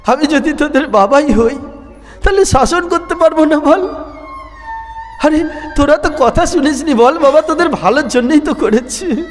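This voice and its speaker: Man voicing an old holy man, pleading, coaxing, high voice, echoey hall. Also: lively intonation, measured pace, long pauses. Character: old devoted holy man, tender yet stern.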